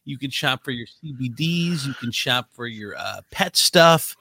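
A man's voice: mid-range voice, animated, measured pace, vocal fry, pushed and bright, no room sound. A man hosting a casual podcast, rambling loosely through banter and an ad read. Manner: loose, rambling, laughs a lot. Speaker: podcast host. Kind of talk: casual chat and host-read ad.

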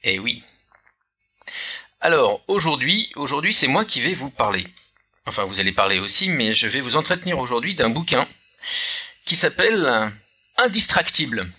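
A man's voice: medium pitch, very animated, moderate pace, long pauses, pushed and bright, breathy edge. A man hosting a casual podcast chat, hesitant, with many filler sounds and restarts. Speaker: podcast host.

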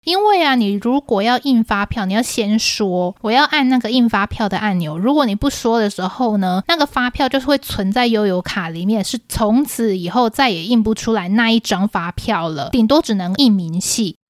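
Clean studio sound with no room noise carries this young woman's medium-pitched voice, which moves at a normal speed with few pauses. She has a Taiwanese Mandarin accent and co-hosts a relaxed chat podcast, where she tells lively stories, voices the dialogue herself and laughs frequently.

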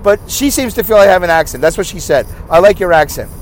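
Expressive and quick, a high-voiced man from Brooklyn hosts his meandering one-man podcast while driving a highway. He jokes at his own expense and fires rhetorical questions at himself. The low-quality recording picks up faint road and car noise.

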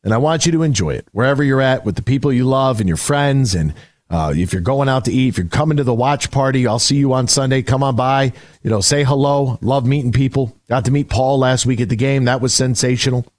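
A man's voice: mid-range voice, brisk, dry recording. A male sports radio host talking casually to his listeners. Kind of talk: casual sign-off talk to listeners.

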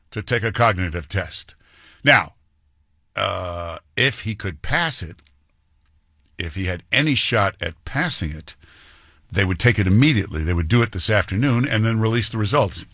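A radio talk show host speaks in a fairly low voice, opinionated and punchy, dropping fillers as he goes. The studio sound is dry and close. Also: a bit bright, no echo. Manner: conversational, punchy, with frequent fillers. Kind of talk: opinionated monologue.

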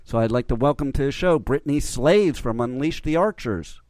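A man's voice: mid-range voice, expressive, moderate pace, darkish tone, dry recording. An American man hosting a radio interview in a casual, enthusiastic and informal way. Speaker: radio show host.

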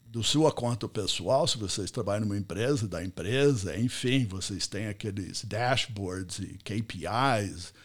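The speaker, a middle-aged man from the United States whose native language is English, tells anecdotes in Portuguese during a live online talk, using repetition for effect. He speaks unhurriedly with few pauses, in a husky, fairly low voice.

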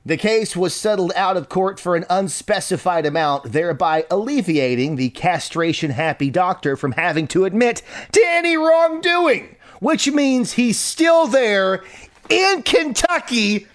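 A man with a high voice hosts a comedic chat show. He tells stories in an animated, joking way and reacts with loud disbelief. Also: a little slow. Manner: animated, incredulous, jokey. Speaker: podcast host.

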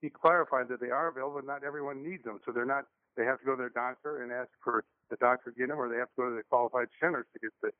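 A man's voice: mid-range voice, fairly even intonation, rapid-fire, hardly any pauses, no room sound. A man calling in to a talk radio show over the phone, politely explaining his point at length. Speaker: radio call-in caller. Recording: tinny phone line.

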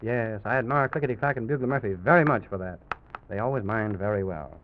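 Through the clicks and muffled noise of an old radio recording, a children's show host tells a story in simple phrases for young children. He speaks fast, and his fairly low voice is expressive.

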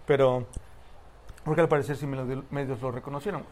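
A man's voice: mid-range voice, fairly even intonation, fast talker, darkish tone. A man with a Mexican Spanish accent telling a story in a casual chat, full of slang, laughing often and acting out the voices of the people in it. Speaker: podcast co-host telling a story.

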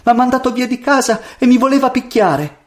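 A gentle, humble young girl from a storybook, as a male storyteller puts her on, her voice lifted very high. She pleads softly and sounds meek. She never raises a fuss. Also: expressive, fairly quick. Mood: pleading.

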